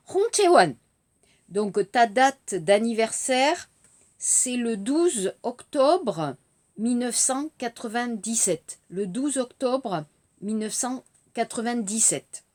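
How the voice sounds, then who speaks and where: A woman with a French accent teaching a language lesson, speaking slowly and patiently, repeating each phrase and dropping in simple Korean words. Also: a little high.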